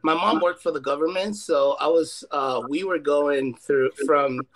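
A man's voice: a little high, measured pace. Chill young chef guy from ecuador, stoked and easygoing. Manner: laid-back, enthusiastic, many fillers. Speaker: chef guest. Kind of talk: casual interview chat.

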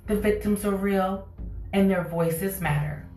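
A woman hosting a true crime podcast, narrating from a script in a deliberate, solemn manner. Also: mid-range voice. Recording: echoey room, music bed.

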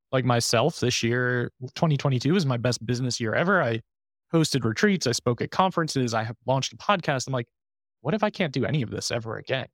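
Man, podcast guest, mid-pitched, dry close sound, candid and reflective, voice a little strained after surgery. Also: dry recording. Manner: open, reflective, speaks with many restarts and fillers. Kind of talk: candid conversational interview.

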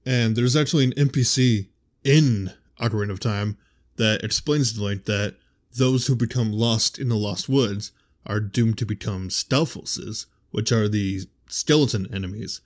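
A man's voice: lowish voice, unhurried. A man giving casual, rambling video game theory commentary, correcting himself as he goes and pronouncing th sounds as f. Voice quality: says th sounds as f. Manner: rambling, self-correcting, conversational. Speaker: host.

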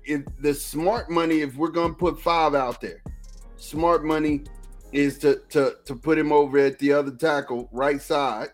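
A man's voice: fairly high pitch, fairly even intonation, moderate pace. Texan male co-host, casual, rambling sports talk with a slightly raised voice; faint music bed. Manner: rambling, repeats himself, lots of "you know what I'm saying". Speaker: podcast co-host.

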